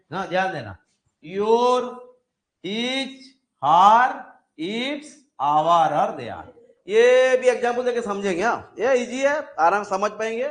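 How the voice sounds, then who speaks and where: A man's voice: high voice, fairly bright tone. A man teaching a classroom grammar lesson, with an Indian English accent, explaining through many examples and often checking whether students understand.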